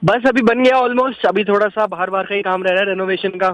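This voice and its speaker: Polite, higher-voiced man on a call. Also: level tone, a little fast, a bit bright, no echo, rough recording. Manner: polite, agreeable. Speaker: prank call target.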